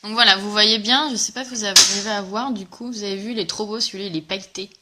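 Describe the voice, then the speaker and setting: Fast and steady in tone, this mid-range female voice comes through heavy background noise. She runs a laid-back live makeup tutorial, greeting viewers and chattering excitedly as she shows each step, with plenty of fillers along the way.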